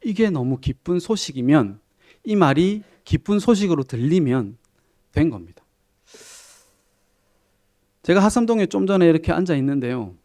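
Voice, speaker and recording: A middle-aged man preaching a sermon in a chatty, self-deprecating storytelling way, with soft chuckles and quiet asides. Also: a little high, big pitch swings, moderate pace, pauses often. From Korea. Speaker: pastor.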